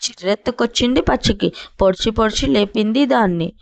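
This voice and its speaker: A woman narrating a moral fable in a measured, scripted storybook reading. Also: fairly high pitch, gravelly, dry recording.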